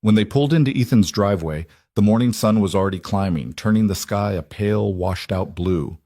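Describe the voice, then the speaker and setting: A man narrating a dramatic story in an even, measured scripted reading. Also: fairly low pitch, dry recording, clean studio sound.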